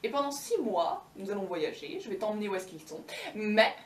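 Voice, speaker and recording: A woman putting on a high, slow giant tortoise. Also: lively intonation, reverberant, distant mic, natural voice. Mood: solemn. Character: giant old tortoise, slow, solemn guide.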